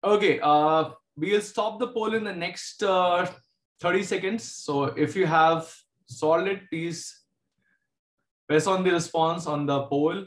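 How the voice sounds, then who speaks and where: In an online video class held in an indoor room, a maths teacher with a South Indian accent talks slowly in a high-pitched voice. He is relaxed and conversational, cracking jokes with his students. The recording has a roomy, echoey quality.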